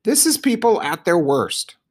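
Brief: high, blunt, disapproving female crow, put on by a male reader. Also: sing-song, a little slow, exaggerated voice. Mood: indignant.

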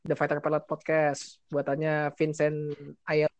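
A man's voice: a little high, monotone, measured pace, background noise. A young man from Indonesia hosting a casual podcast, explaining things informally and dropping in English phrases. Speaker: podcast host. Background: background music.

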